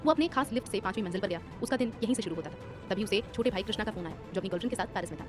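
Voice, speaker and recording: A woman reads a serialized romance audio story with brisk, dramatic narration at a very rapid clip. Her pitch sits in a middle range, and clear music plays throughout. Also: animated. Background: background music.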